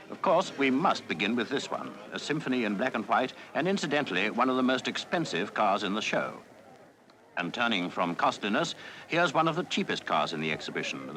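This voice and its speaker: A man's voice: mid-range voice, sharp tone. A man giving jaunty, chatty commentary as a 1948 newsreel voice-over. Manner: jaunty, chatty tour-guide delivery. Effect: old newsreel voice-over.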